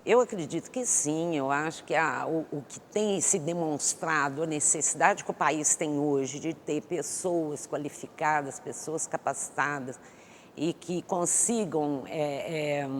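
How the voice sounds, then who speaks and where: A woman guest expert in an interview, answering thoughtfully with many pauses and restarts. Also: deep voice. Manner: hesitant, many fillers and restarts. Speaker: economist guest. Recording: long hall reverb with faint noise.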